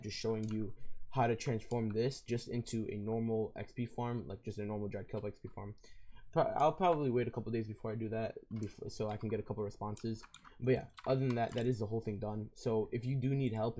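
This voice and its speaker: A video game tutorial creator who is losing his voice talks fast in a hoarse, raspy tone that sits on the low side yet sounds warm. He walks through the steps casually, rambling with fillers and self-corrections.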